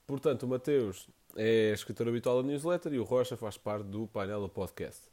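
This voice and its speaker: A man's voice: medium pitch, brisk, warm tone. A man with a European Portuguese accent casually introducing a football podcast as its host.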